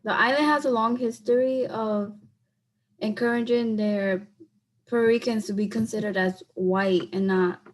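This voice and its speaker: Over a video call, a young adult woman gives a class speech in a steady, somewhat high voice at a moderate pace, and the recording is rough. She's earnest, and when she answers questions unprepared she leans heavily on "like."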